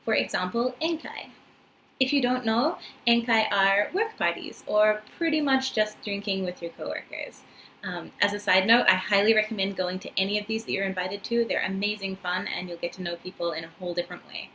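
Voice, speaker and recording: Chatting casually and warmly to the camera, with many ums and uhs, is a twenty-something New Zealand woman who vlogs and teaches English in Japan. Her mid-range voice moves fairly quickly and sounds a bit bright. Recorded close up in a small wood-floored room with paper screens, the audio is poor, with a little hiss or hum.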